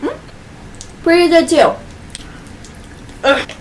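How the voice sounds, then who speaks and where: Playful high-voiced woman hosting a mukbang. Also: very animated, slight background noise. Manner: playful, chatty, with chewing pauses. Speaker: mukbang host. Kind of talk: casual chat while eating.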